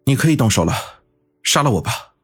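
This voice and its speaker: Brief: male actor as a resolute young detective in an audio drama, breathy and raspy, low-set, steady and solemn. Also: moderate pace. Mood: cold defiance. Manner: steady, solemn, quietly devoted.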